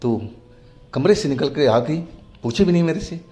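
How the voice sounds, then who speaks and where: A man voicing an angry middle-aged mother who scolds her daughter in a raised, shrill voice, as part of a spoken horror story. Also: expressive, normal speed, mellow, natural voice. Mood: scolding.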